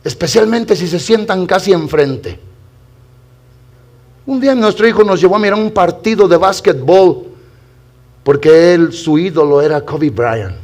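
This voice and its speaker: A man's voice: sits high, unhurried, pauses often. A male pastor preaching a sermon with fervor. He fires rhetorical questions at the congregation and calls them brothers. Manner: fervent preaching with rhetorical questions and rising shouts.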